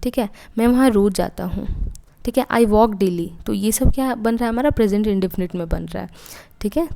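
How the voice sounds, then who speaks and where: A woman's voice: mid-range voice, vocal fry, warm tone. A young woman teaching an English grammar lesson for exam prep, explaining step by step and asking and then answering her own questions. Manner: often says "ठीक है" between points.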